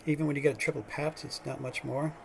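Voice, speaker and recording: Man, gravelly voice, halting casual game commentary, faint hum behind. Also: on the high side, flat delivery. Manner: rambling, halting, many fillers and restarts. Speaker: gaming channel host.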